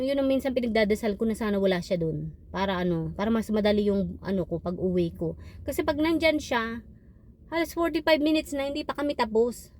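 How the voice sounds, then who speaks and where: A woman vlogger who works as a patient care technician, retelling frustrating hospital shifts in an animated, exasperated way. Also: a little high. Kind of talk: casual storytelling vlog.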